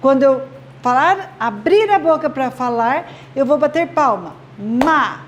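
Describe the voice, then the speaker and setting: A woman, a literacy teacher explaining to parents slowly and patiently, often checking they follow. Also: high voice, expressive, noisy background. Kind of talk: instructional video talk to parents.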